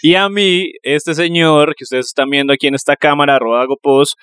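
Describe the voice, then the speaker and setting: A man's voice: on the high side, steady tone, brisk, a bit bright, clean tone, no room sound, clean studio sound. A Colombian man from Neiva, co-hosting a podcast in casual, joking, slangy chat on a phone mic. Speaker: podcast co-host.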